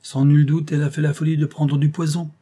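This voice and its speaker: A man's voice: a little high, little pitch movement, fairly quick, mellow, pitched above the performer's own voice, close to an everyday voice. A man doing a cool self-assured count. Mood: knowing. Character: calm, knowing male count, a self-assured healer.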